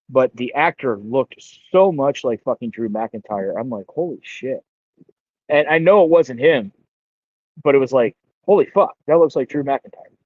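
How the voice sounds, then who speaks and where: Male podcast co-host, relaxed and easygoing, dull lo-fi mic with dry sound. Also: mid-range voice, no echo. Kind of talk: casual podcast chat.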